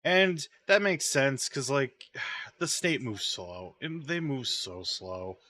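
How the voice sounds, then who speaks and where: A man's voice: mid-range voice, animated, slow, sharp tone. A man chatting casually while streaming a game, sleepy and rambling, humming idly while he waits. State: sleepy, yawning. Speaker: gaming streamer.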